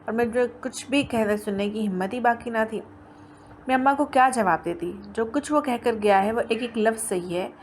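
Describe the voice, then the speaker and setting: A woman reading a first-person story aloud in a plain, steady way, with small restarts. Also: on the high side, a little hiss or hum.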